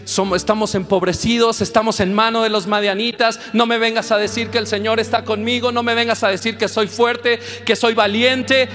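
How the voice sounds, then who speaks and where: A man's voice: high-pitched, little pitch movement, brisk, few pauses, fairly bright tone. A man doing a doubting, complaining Gideon. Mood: protesting. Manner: incredulous, protesting. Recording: reverberant hall with music.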